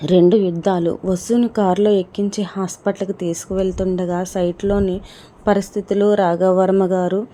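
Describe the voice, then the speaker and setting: A woman's voice: mid-range voice, flat delivery, moderate pace, warm tone. A woman narrating a dramatic story in scripted storytelling style.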